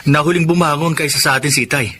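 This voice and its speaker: A man playing a polite young adult son in a radio drama, who shifts to panicked shouting. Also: fairly high pitch, fairly even intonation, very fast, a little hiss or hum. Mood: casual. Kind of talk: Filipino radio drama acting. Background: background music.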